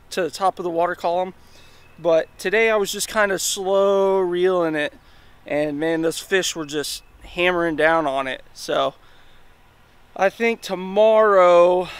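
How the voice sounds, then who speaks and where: A man's voice: on the high side, smooth. A man, talking casually to an action camera outdoors about fishing, rambling with fillers. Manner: excited exclamations while landing fish, relaxed rambling with fillers. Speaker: kayak fishing vlogger. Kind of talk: casual vlog talk to camera. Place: outdoors, on a kayak on a lake and in woods. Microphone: action camera, close selfie framing.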